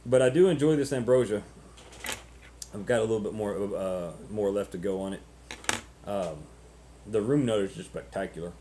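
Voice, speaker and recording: A man in his thirties chatting casually and unscripted to camera as a vlogger, halting and ruminative, often repeating words, on noisy webcam audio. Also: lowish voice, dark tone. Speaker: pipe-smoking vlogger.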